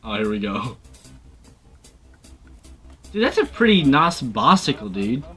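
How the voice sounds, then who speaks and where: A man's voice: mid-range voice, sing-song, a little slow, bright, forceful tone, breathy edge, soft background music. A man co-hosting a reaction video in casual, joking chat, laughing often and talking in slang.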